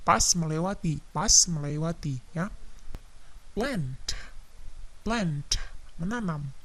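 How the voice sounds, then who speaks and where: Female language teacher, slow repetitive drill delivery, lowish voice. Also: animated. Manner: slow, repetitive drilling, stresses plosive sounds. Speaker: English teacher. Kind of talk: vocabulary drill lesson.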